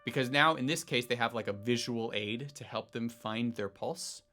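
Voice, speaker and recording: A man teaching a piano lesson, explaining rhythm in a relaxed way and counting beats aloud in a sing-song voice. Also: mid-range voice, moderate pace. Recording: faint piano music underneath. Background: piano playing.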